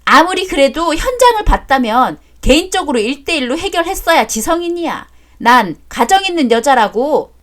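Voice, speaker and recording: A woman's voice: high-pitched, big pitch swings, normal speed, hardly any pauses. A woman voicing a shameless married coworker caught in an affair, with a taunting, sneering manner. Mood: mocking.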